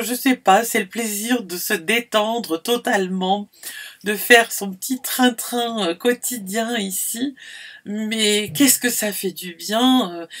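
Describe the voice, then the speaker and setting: A fairly high-voiced middle-aged woman from France chats casually to camera from inside her camper van. She rambles along with plenty of fillers and restarts. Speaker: vlogger.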